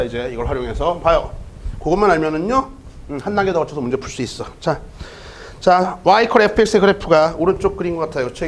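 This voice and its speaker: A math teacher gives an online lecture in a fairly high male voice. He talks problems through step by step and keeps checking in with the listener. His delivery stays lively and engaged. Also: a little hiss or hum.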